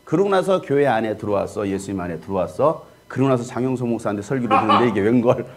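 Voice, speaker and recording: Husky Korean pastor preaching conversationally. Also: male voice, on the low side, expressive, very fast. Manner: conversational preaching with rhetorical questions to the congregation. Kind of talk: sermon teaching.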